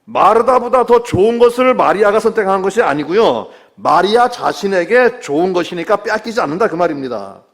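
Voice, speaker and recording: A middle-aged man delivers a sermon in a teacherly way, putting questions to his listeners and answering them himself. His voice sits somewhat high and moves with wide, animated swings, dipping low for scripture quotes and rising to press a point. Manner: drops low and slow to quote scripture, rises when stressing a point. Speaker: pastor.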